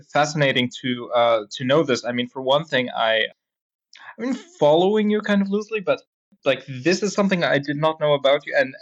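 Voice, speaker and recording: A man's voice: fairly high pitch, a bit bright. Hesitant male podcast host, lo-fi sound. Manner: hesitant, with many "uh" and restarts. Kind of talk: interview hosting. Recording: slightly dull lo-fi audio.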